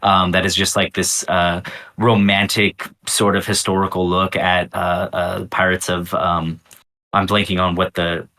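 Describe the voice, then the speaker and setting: A game designer chatting enthusiastically in a casual livestream Q&A, rambling and laughing often. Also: male voice, deep voice, little pitch movement, unhurried, sharp tone.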